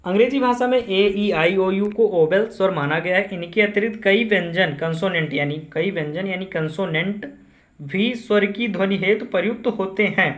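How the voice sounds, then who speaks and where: A man's voice: sits high, normal speed, a bit bright. A man teaching English grammar, repeating each definition and asking and answering his own questions. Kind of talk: classroom-style grammar lesson.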